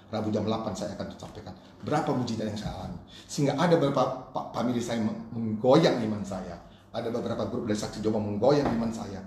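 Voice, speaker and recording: A middle-aged man from Indonesia, a pastor giving a sermon with personal testimony, swinging from quiet storytelling to loud, high-pitched preaching and calling the congregation brothers and sisters. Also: echoey room, slight background noise. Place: church.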